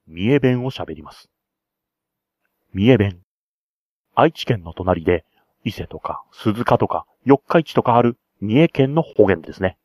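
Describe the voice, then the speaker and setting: A man's voice: fairly low pitch, darkish tone, husky, no echo, clean studio sound. A man acting as game master, narrating a tabletop role-play scenario with chatty, enthusiastic side remarks.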